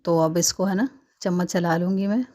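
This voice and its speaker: A woman's voice: on the low side, steady tone, moderate pace, a little mellow. A woman in her thirties narrating a recipe in her home kitchen in a chatty, casual way, with frequent filler tags. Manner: chatty, many fillers like "hai na". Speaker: cooking vlogger.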